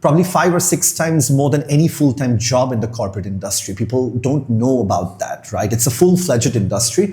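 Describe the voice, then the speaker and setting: Man, middle pitch, earnest, reflective interview answers. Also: expressive, fast talker, few pauses, dark tone. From Bangladesh. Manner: reflective, earnest, firm when disagreeing. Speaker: education entrepreneur guest.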